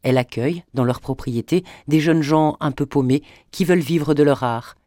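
A man reading a novel aloud in a measured, even storytelling manner. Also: a little high, no room sound, clean studio sound. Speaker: audiobook narrator. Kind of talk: scripted narration.

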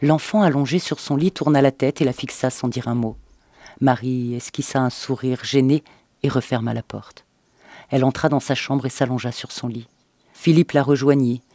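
A man reading a novel aloud as narrator in an expressive, dramatic audiobook style. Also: medium pitch, moderate pace, dry recording.

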